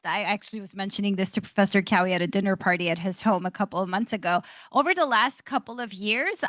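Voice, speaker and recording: Speaking as an institute director on an academic panel in a lecture hall, a woman answers with articulate enthusiasm and encourages students. Her mid-range voice is a bit bright, and the recording has no room sound.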